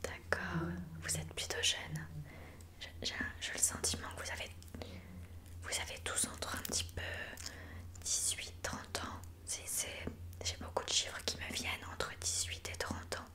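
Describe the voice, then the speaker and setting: In a whispered ASMR roleplay, a woman takes on the part of a mystical fortune teller, talking slowly and soothingly and addressing listeners as darling. Her voice stays close to how she'd normally speak.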